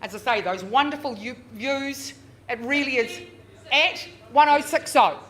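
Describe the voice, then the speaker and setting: High-voiced woman auctioneer calling bids. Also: a bit bright. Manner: drawn-out, repeated bid calls; chatty coaxing of bidders. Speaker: real estate auctioneer. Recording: noisy live auction room.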